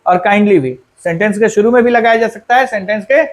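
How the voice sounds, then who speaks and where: A man teaching English grammar as a teacher in a lesson. He explains step by step, asks and answers his own questions, and says example sentences slowly. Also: high-pitched. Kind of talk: classroom-style grammar lesson.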